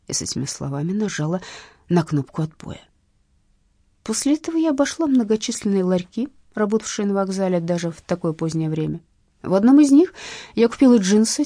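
A woman reading a first-person audiobook in a lively, expressive way. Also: on the low side, no echo, studio quality. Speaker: audiobook reader.

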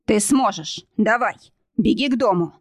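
A woman's voice: mid-range voice, lively intonation, normal speed, no room sound, clean studio sound, lightly acted. A woman voicing a stern young man who barks urgent orders through a storm.

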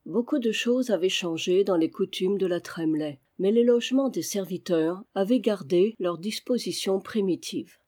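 A woman narrates a classic adventure novel in a measured, expressive reading. Her voice is warm and mellow, with a dark, relaxed tone at a mid pitch for a woman. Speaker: audiobook reader.

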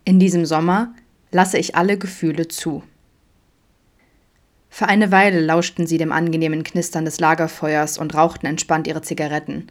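A woman calmly narrating an audiobook chapter of a fan story. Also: low voice, normal speed. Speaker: audiobook reader. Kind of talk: scripted narration.

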